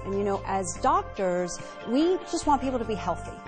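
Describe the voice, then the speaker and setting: A woman's voice: medium pitch, big pitch swings, moderate pace. A woman speaking as a doctor, giving a conversational product testimonial. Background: background music.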